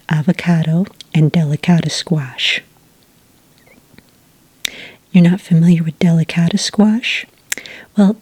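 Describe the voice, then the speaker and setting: In a soft, breathy whisper, a woman with a deep voice plays a friendly, obliging witch taking an order at a quaint cafe for an ASMR roleplay. She's gentle, unhurried and chatty, speaking close to a dry microphone with no room sound.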